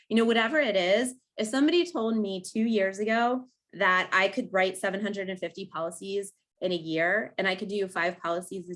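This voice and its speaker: A woman in her thirties giving an energetic, casual motivational talk at a seminar, full of fillers and likes. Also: medium pitch. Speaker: seminar speaker.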